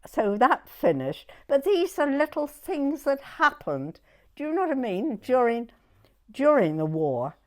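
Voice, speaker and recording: Very animated and high-pitched, this Dorset woman in her nineties recalls the past in an informal oral history interview, her southern English accent clear. Her speech is slow and wandering, and she keeps abandoning sentences midway to start them over differently.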